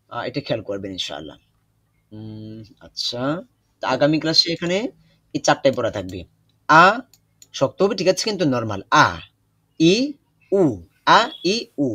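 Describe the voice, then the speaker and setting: Young male recitation tutor, patient, hesitant fillers, medium pitch, dry close mic. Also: pushed and bright, dry recording. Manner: patient, repeats instructions, many hesitations. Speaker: Quran recitation teacher. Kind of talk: online class teaching.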